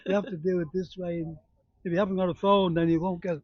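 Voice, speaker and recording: An older man speaks in a Dublin accent, his voice a bit high for a man. He reminisces casually and haltingly, often trailing off. The sound is close and dry, though somewhat dull. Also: little pitch movement, dry recording. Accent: Dublin Irish. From Dublin, Ireland. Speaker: local resident being interviewed.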